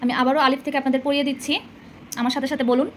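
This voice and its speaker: High-voiced woman teaching letter sounds. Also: flat delivery, racing, slight background noise. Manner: patient, repeats each letter with careful articulation. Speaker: Quran reading teacher. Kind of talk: slow recitation lesson.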